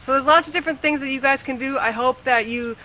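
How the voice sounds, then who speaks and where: A rainforest conservationist answers young schoolchildren's questions, explaining earnestly in simple words and often repeating words as she thinks aloud. Her voice sits high, bright and forceful, and she talks fast over slight background noise.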